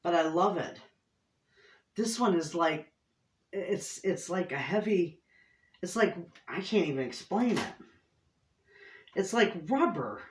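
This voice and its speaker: A woman's voice: fairly low pitch, lively intonation, takes it slowly, pauses often, slight background noise. A middle-aged woman with an Inland Northern Michigan accent, chatting casually and effusively to camera in a folksy way, often repeating herself. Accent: Inland Northern American (Michigan). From Michigan, United States. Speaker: homestead cooking vlogger. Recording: roomy echo, distant microphone.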